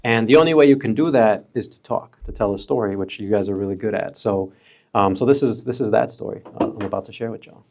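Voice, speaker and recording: A man in his early thirties from the Chicago area, telling stories as a podcast guest in a relaxed, casual way, peppered with bro and dude. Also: fairly low pitch, quick pace, background noise. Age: 30s. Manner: laid-back, calls friends bro and dude. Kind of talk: casual storytelling chat.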